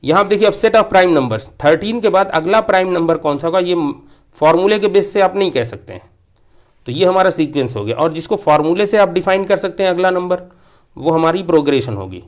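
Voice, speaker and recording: Man teaching maths, slightly high voice. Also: expressive, a little fast. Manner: explains patiently, repeats key points, mixes English terms. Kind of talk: classroom lecture.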